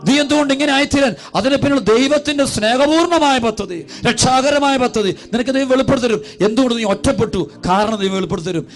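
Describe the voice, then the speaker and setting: Priest, Kerala Malayalam accent, high voice, rapid repetitive sermon delivery over faint music. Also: male voice. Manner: repetitive, pleading cadence, drops low and soft for prayers; addresses listeners as children. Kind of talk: devotional sermon with prayer.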